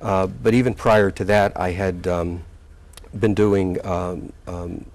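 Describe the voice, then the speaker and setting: Recalling the past in a relaxed interview, this guest, a community college president in his sixties, has a low, steady, somewhat dark voice. His speech is halting, full of fillers and restarted sentences.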